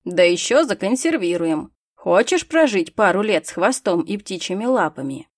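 A woman voicing a cocky, excitable young male mage in an audiobook, eager and teasing. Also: medium pitch, moderate pace, no room sound, clean studio sound, close to an everyday voice. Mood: excited. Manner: eager, raised, mocking delivery.

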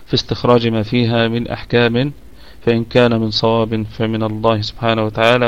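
A man teaching Quran recitation rules in an online lesson, speaking with an Egyptian Arabic accent. He explains slowly and repeats words to model how they should be pronounced. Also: lowish voice, clear, resonant tone, muffled recording. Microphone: online voice chat.

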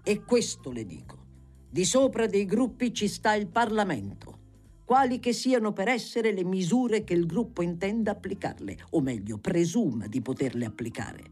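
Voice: mid-range voice, sing-song, moderate pace, darkish tone, husky, soft background music, pitched above the performer's own voice. A reader voicing a severe but courteous older parliamentary president who speaks formally and peremptorily.

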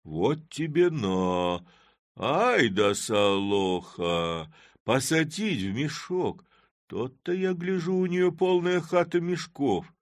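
A man's voice: mid-range voice, expressive, takes it slowly, no room sound, clean studio sound, voice pushed up. A man doing a blustering sly old-world Cossack. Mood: boisterous. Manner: loud, mocking exclamations.

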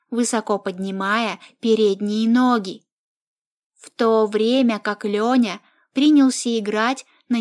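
Slow, high-voiced woman narrating a story. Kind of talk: audiobook reading.

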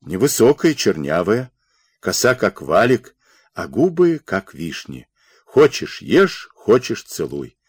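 A man's voice: on the low side, very animated, measured pace, breathy edge, no room sound, clean studio sound, exaggerated voice. A man voicing a cheerful, sly young soldier who jokes good-naturedly.

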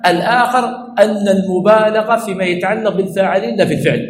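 A man's voice: high-pitched, quick pace. A man giving an Islamic lesson, repeating key words and asking "what?" before each answer. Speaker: religious teacher. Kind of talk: Islamic lesson, call-and-response questioning. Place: teaching center hall. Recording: echoey hall with faint background noise.

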